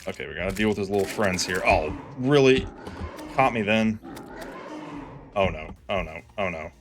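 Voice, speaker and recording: A man giving live commentary over his own gameplay, excitable and self-deprecating, pleading with the game when things go wrong. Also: sits low, moderate pace, music in the background. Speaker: gaming streamer.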